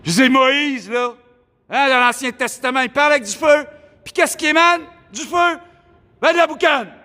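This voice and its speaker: A man's voice: very high-pitched, moderate pace, sharp tone, no room sound. A man with a Québécois French accent, rambling preachily and grandiosely in a street vlog monologue recorded outdoors downtown. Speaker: vlogger.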